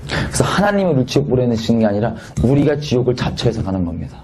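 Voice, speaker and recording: Animated, warm-voiced male preacher. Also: mid-range voice, fast talker, husky. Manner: animated, colloquial, asks the audience rhetorical questions. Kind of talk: sermon to a youth gathering.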